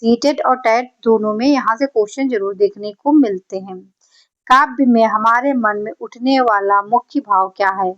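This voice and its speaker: A woman teaching an exam-prep grammar lesson, explaining patiently and reciting verse lines slowly. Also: on the high side, fairly bright tone. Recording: slightly dull lo-fi audio.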